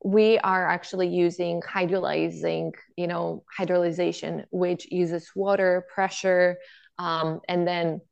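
Gravelly-voiced woman from Bulgaria. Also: on the low side, level tone, unhurried, a little mellow, lo-fi sound. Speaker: guest, product founder. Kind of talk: podcast interview.

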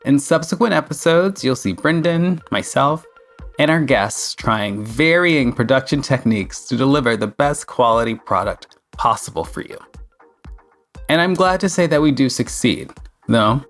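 A man hosts a podcast interview, his questions full of um and like as he feels his way along. His voice sits at an ordinary pitch in a roomy, echoing space with faint music behind. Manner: hesitant, many fillers. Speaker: podcast host.

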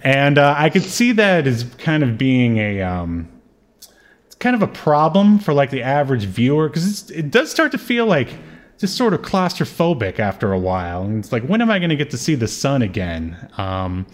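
A podcast co-host with a medium, sing-song voice and a moderate pace chats casually while reviewing a TV show, often searching for his words.

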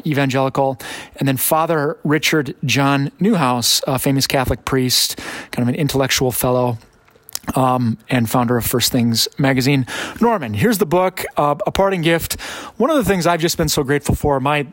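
Guy hosting a podcast, kinda high voice, casual n halting, dry close sound. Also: no room sound. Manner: halting, conversational, stops and restarts phrases. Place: basement of a guest home.

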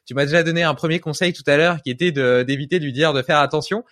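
Host: man, 30s, slightly high voice. Enthusiastic, filler-heavy chat, dry close sound. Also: fast, a bit bright, no room sound. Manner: enthusiastic, many fillers and "tu vois". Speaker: podcast host. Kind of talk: interview conversation.

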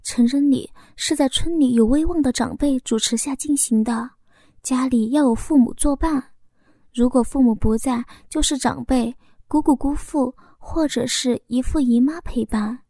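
A woman voicing a shy young village wife who speaks in a hushed, confiding way. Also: high-pitched, normal speed, no echo, studio quality. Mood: hushed explaining.

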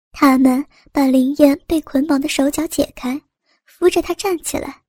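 A woman with a high voice narrates a story in an even, steady way. Her timbre is mellow and dark rather than bright. The sound is close and completely dry. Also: no room sound. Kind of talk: story reading.

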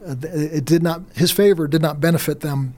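This is a middle-aged man with a fairly high voice, speaking as a guest minister in a faith interview. He talks earnestly, often stumbling, restarting and repeating words as he pushes his point. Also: steady tone, fairly quick, dark tone.

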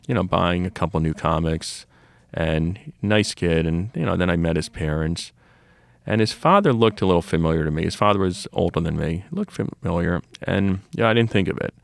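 A man's voice: low-pitched, animated, a little fast, creaky, dry recording. A middle-aged man who runs a comic shop, telling long rambling stories on a podcast with many restarts and asides. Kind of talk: casual storytelling conversation.

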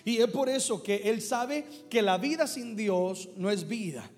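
Brief: male pastor, high voice, preaching sermon to a live congregation, big reverberant church hall. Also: lively intonation, a little slow, a little mellow, faint music behind. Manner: preaching to a congregation, calling for responses.

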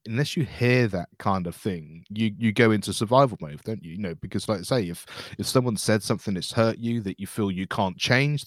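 Bloke hosting a chat show, lowish voice, dry close sound, rambly and affirming. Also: male voice, no room sound. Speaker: interview show host. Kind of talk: conversational, reflective interviewing.

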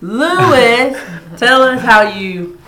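A woman's voice: a little high, animated, very slow, pushed and bright, a little hiss or hum. A woman hosting a casual school podcast interview, upbeat and chatty. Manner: upbeat, chatty Southern phrasing. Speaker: podcast host, school administrative assistant. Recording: echoey room.

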